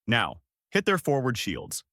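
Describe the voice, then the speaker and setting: Decisive male starship commander, read by a man, steady and focused. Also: mid-range voice, unhurried, gravelly, husky, no room sound, studio quality, heavily acted. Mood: determined. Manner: calm, firm, decisive.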